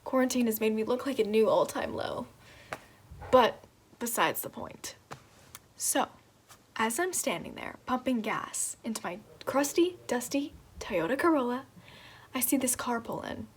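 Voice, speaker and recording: A gossipy young woman, played by an actress, spills her news down the phone in a fairly high voice. She delivers everything with breathless, dramatic flair. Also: expressive, unhurried, a little hiss or hum. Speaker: student actor. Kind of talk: stage monologue on a phone call.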